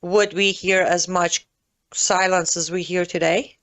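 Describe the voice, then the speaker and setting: A woman's voice: on the low side, level tone, fairly bright tone. Emphatic, sarcastic woman guest. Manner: emphatic, sarcastic, quick asides. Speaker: political commentator guest. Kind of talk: talk show interview.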